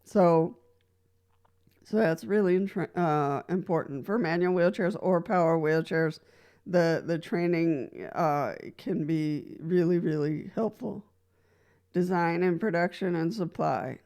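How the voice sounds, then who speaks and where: Slow and fairly low, her voice has a slightly mellow quality. She's a Costa Rican wheelchair user casually explaining practical advice to the camera from her own experience, vlog-style. She laughs lightly between points and often restarts with "so."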